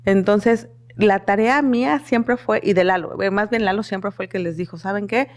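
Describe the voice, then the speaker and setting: A woman's voice: mid-range voice, normal speed. Earnest middle-aged woman telling her story. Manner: earnest, storytelling with many fillers. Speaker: podcast guest. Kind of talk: conversational interview.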